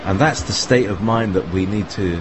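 A man with a fairly low voice speaks at a moderate pace while hosting an online group chat. His talk is casual and rambling, wandering along with lots of fillers and little laughs. The online voice call is recorded cleanly, though background noise is audible.

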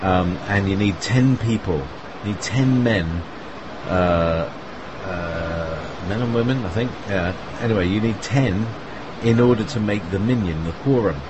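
Hosting a group chat over an online call, this man speaks at a measured pace in a lowish voice. His talk is relaxed and rambling, full of fillers and short laughs, with background noise clearly present.

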